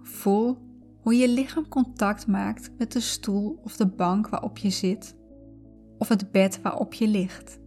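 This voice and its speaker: A woman leads a guided visualization, speaking slowly and soothingly at a medium pitch. Background music accompanies her calm narration.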